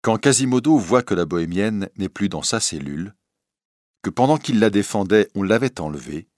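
A man's voice: on the low side, animated, normal speed, darkish tone, no room sound, clean studio sound. A man narrating a classic story aloud in a dramatic reading style.

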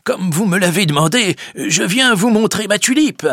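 A man's voice: sits high, animated, normal speed, a bit bright, no room sound, clean studio sound, pitched above the performer's own voice, full character voice. Man doing a sly stammering tulip grower. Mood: fawning. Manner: hesitant, with fawning stammers. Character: sly, nervous middle-aged tulip grower.

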